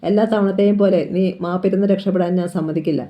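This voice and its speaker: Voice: mid-range voice, fairly even intonation, fast, highs cut off, lightly acted. Channar, a menacing defiant strongman, put on by a narrator. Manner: menacing, taunting threats. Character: fierce defiant middle-aged male local strongman. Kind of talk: dramatic novel reading.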